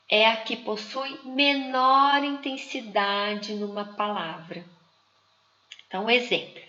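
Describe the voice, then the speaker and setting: Slow, bright-voiced woman teaching from slides. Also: medium pitch. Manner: slow, didactic, stretching out example words. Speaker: teacher trainer. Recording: muffled, echoey room.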